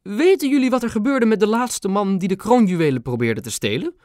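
A stern old queen and grandmother, raised high and speaking in crisp staccato bursts, as a male audiobook reader puts her on. Her voice swings widely, and the recording is dry and close. She sounds regal and a little severe. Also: lively intonation, a little fast, a little mellow, dry recording. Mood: stately. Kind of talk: audiobook character voice.

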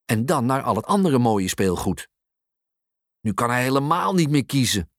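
A storyteller reading a children's story aloud in an expressive way. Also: mid-range voice, moderate pace, dry recording, clean studio sound. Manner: expressive, with lively voices.

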